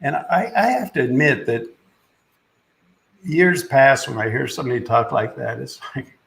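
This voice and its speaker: A man hosting a podcast, speaking in a halting, casual way about spiritual ideas, with many fillers and restarts. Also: mid-range voice, vocal fry, fairly bright tone, rough recording. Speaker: podcast host and spiritual teacher.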